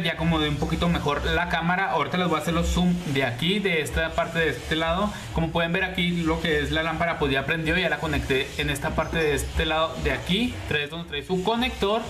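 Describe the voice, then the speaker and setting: Higher-pitched man chatting in a roomy echo. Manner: chatty, hesitant, repetitive, fond of diminutives. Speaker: YouTube beauty channel host reviewer. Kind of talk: casual product review vlog to camera. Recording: roomy echo with background hiss.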